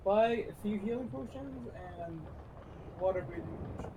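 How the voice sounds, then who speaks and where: A man's voice: high-pitched, moderate pace, distant mic, background noise. A man chatting casually as a player in a tabletop game. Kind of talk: casual chat.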